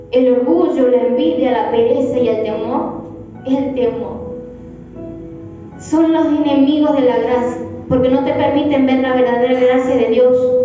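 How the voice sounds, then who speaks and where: A high-voiced woman pastor preaches with fervor, stretching out her emphatic phrases. Her voice is mellow and rings through a big echoey church hall, picked up from a distance with a dull sound and faint music underneath. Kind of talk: sermon.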